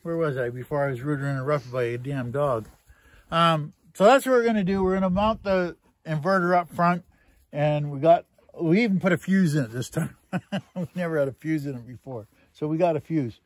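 A man's voice: fairly high pitch, brisk. A Canadian man vlogging in a rambling, joking way, casually swearing as he talks through a project. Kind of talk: casual chat.

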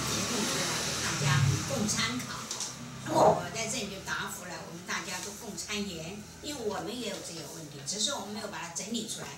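A woman with a Taiwanese Mandarin accent gives a sermon in a temple hall, with animated teasing rhetorical questions. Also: mid-range voice. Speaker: spiritual teacher. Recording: echoey room from a distance, faint hum.

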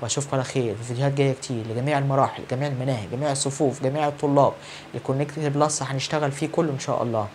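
A man with an Egyptian Arabic accent teaching English grammar in a recorded online lesson, brisk and encouraging, answering students who are not there. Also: medium pitch, fairly even intonation, a little mellow, slight background noise.

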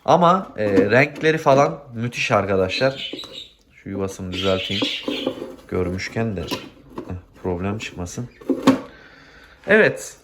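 A man's voice: fairly low pitch, slow, long pauses. A man who breeds birds talks casually to his viewers, as friends, from an indoor breeding room under renovation. His voice echoes off the bare walls of the half-empty space. Squawking birds add noise to the recording behind him. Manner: chatty, addresses viewers as friends. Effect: voice echoing in a half-empty room. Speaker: bird breeder. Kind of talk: casual vlog talk to viewers.

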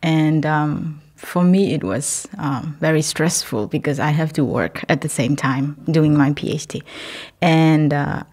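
A young woman from Myanmar, not a native English speaker, answers interview questions as a PhD student in an indoor podcast recording. Her voice sits low with a breathy edge, and she speaks a little slowly, thoughtful and laughing softly between phrases.

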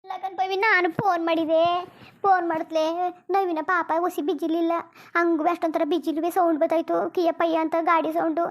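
A woman's voice: very high voice, flat delivery, a little fast. A woman voicing a distressed young housewife in a cartoon who frets and pleads about lost money. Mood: tearful. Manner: tearful and pleading.

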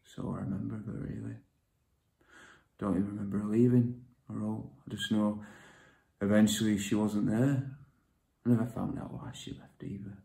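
A gravelly, low-voiced man, as an actor plays him, confides in halting bursts and sinks into whispers. His tone is dark and mellow, and the sound is echoey. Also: little pitch movement. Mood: confessional. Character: withdrawn man raised by his grandmother, confessional. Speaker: actor performing a monologue. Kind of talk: dramatic monologue. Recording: echoey room.

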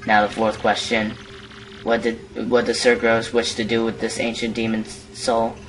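A man's voice: fairly low pitch, monotone, unhurried, fairly bright tone, far from the mic, slight background noise, poor audio. A man voicing a formal, clipped male quiz computer in a video game.

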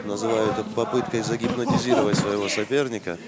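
A man's voice: on the low side, level tone, fast, over a noisy crowd. A man commentating on an MMA fight with effusive, florid phrasing. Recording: loud music under the voice.

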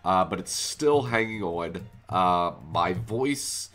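Over quiet background music, a congested gaming channel host casually narrates his own gameplay, working through his thoughts out loud. His voice is low, a bit bright and expressive, and he takes his time.

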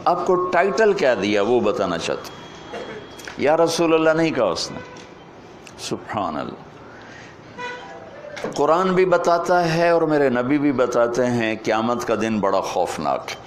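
A man's voice: medium pitch, very animated, slight background noise. Emotional male preacher. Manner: emotional, slow-swelling delivery. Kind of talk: sermon storytelling.

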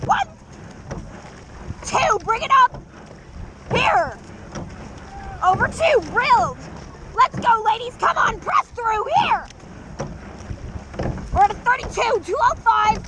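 Loud wind, water and rowing clicks surround a young woman coxswain in a boat. She shouts short, repetitive commands at a very high pitch. Her calls are urgent and motivational, with drawn-out, measured spacing. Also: lively intonation. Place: outdoors in a boat on open water.

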